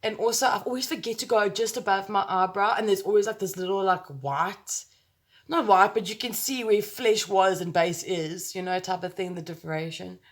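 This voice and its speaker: A woman's voice: mid-range voice, normal speed. A woman with a South African accent giving a casual, chatty makeup tutorial to camera, rambling and playful, speaking close to her phone. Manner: chatty, rambling, playful with exclamations and sound words.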